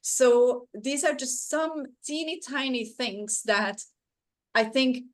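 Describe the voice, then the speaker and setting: Her voice sits high and her pace is slow as she runs a teaching webinar on a video call. Hungarian is her first language, and her earnest, encouraging presentation is sprinkled with fillers.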